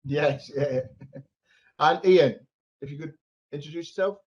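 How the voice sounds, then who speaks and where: A man's voice: on the high side, unhurried. A middle-aged man chairing an informal meeting, hesitant and often repeating his words. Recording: dull lo-fi video call audio.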